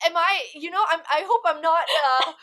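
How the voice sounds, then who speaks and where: A woman from Malaysia, a guest in a casual interview over a video call, talking in an animated way and acting out quoted voices. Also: very high voice, brisk. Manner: animated, acts out quoted voices, lots of fillers. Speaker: guest, actress and entrepreneur.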